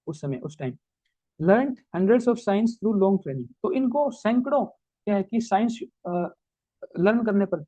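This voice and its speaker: A man giving a history lesson as a teacher, explaining in Hindi mixed with English terms and reading English points slowly. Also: sits high, dark tone, dry recording, rough recording. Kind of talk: recorded class lecture.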